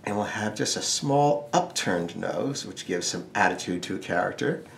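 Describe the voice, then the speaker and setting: This drawing teacher's voice is fairly low, gravelly and a touch bright, and he speaks at a normal pace with lively intonation. He leads a relaxed step-by-step lesson peppered with dry, joking comments over slight background noise.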